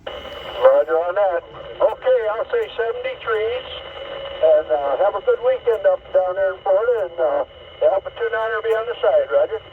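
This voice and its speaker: A man's voice: high-pitched, animated. Man on a mistuned sideband CB radio. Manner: measured radio-procedure talk. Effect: slightly mistuned sideband CB radio signal. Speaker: CB radio operator on the air. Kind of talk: on-air radio exchange ending turns with "roger". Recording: muffled radio audio with faint hiss.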